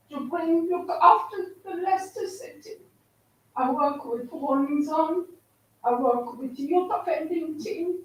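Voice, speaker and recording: An older woman in her sixties shares her life story as a speaker at an event, with heartfelt, emotional warmth. Her voice sits high and she talks slowly. The sound is roomy and far off, as in a large hall. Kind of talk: personal testimony speech. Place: university studio hall.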